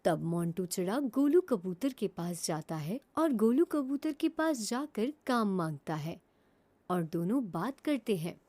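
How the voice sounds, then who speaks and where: With a warm, mellow tone and a measured pace, a woman tells a children's cartoon story simply, like a storybook. Her pitch moves up and down in a lively way.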